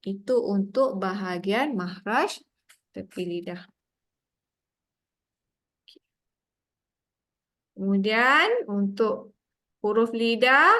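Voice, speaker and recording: This woman teaches recitation of the Quran through an online tajweed class, walking students through each sound with patience. She has a Malaysian Malay accent and a fairly high, slightly bright voice.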